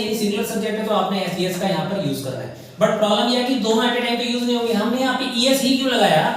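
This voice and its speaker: A male English grammar teacher, explaining rules step by step in a classroom-style lesson and calling his viewers children. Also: sits high. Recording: very echoey room, far from mic, faint noise.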